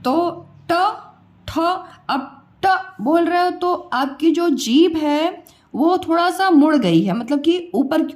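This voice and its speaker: A woman's voice: sits high, animated, slow pace, a little mellow. A woman teacher giving a pronunciation lesson, patiently repeating each sound and quizzing her students.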